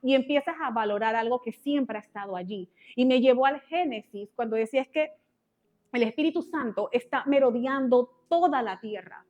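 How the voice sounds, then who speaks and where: A woman, teaching a women's ministry sermon through an animated personal story with exclamations and quoted prayers. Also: on the high side, normal speed, dull audio. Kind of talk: testimony-style sermon.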